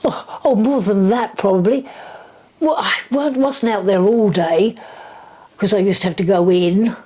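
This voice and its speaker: A woman's voice: medium pitch, a little slow, warm tone. A very old woman in her nineties with a southern English accent, reminiscing chattily and wryly in casual conversation. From southern England. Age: 90s, very old woman. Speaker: interviewee.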